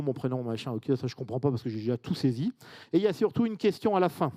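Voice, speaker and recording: In a mellow, mid-range voice, a man from France gives a conference presentation that stays chatty and informal. He peppers it with asides and questions aimed at the audience.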